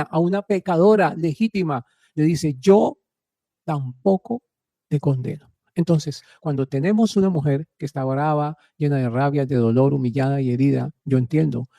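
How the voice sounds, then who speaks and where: A man hosting a faith radio program, his voice very dark and mellow yet pitched a little high. He tells stories earnestly in a preaching way and often puts rhetorical questions to listeners. The recording is dry and close. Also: no room sound. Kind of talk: radio talk on faith and marriage.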